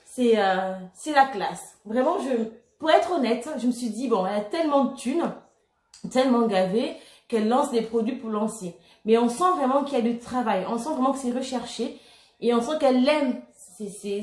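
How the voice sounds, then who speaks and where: A woman vlogger chatting casually and excitably while unboxing skincare products, laughing often and using many fillers. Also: fairly high pitch. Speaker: beauty vlogger. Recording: echoey room.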